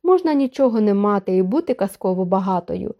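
A woman voicing a poor but proud young maid who speaks quietly and politely. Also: medium pitch, animated, fairly quick, dull audio, natural voice. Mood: earnest.

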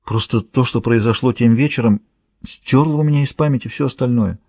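A man voicing a shaken, timid teenage girl witness who answers softly and hesitantly. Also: medium pitch, a little fast, dry recording, close to an everyday voice. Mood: subdued.

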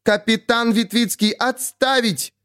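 A man plays a stern young policewoman, his voice lifted high. She scolds sharply, with sarcasm. Audiobook character. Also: sing-song, fairly quick, darkish tone. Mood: scolding. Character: angry young woman police lieutenant, stern.

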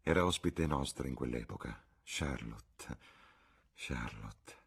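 A man voicing a candid, dreamy young English woman in an audiobook, raising his voice lighter and higher for her. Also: lively intonation, moderate pace, a little mellow, breathy edge, full character voice. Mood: hushed.

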